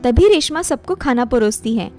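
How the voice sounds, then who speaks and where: Working as a storyteller, a woman with a high, warm voice tells a scripted tale at normal speed, her delivery expressive. Her narrative sentences are plain, and faint music sits behind her.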